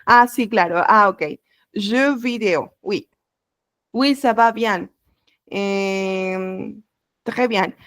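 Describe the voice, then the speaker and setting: A woman teaches an introductory language class over a video call. She explains each point patiently and step by step. Her voice sits at a middle pitch, and the sound is close and dry, with no room echo. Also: drawn-out words, long pauses, a bit bright. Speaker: French teacher.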